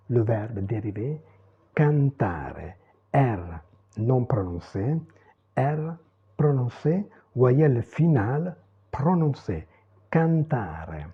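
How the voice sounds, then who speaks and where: A man teaching pronunciation in French with an Italian accent, explaining slowly and checking in often with his listeners. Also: medium pitch, husky. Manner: slow, explanatory, with frequent "hein" and "va bene". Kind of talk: online pronunciation lesson. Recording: tinny phone-like audio.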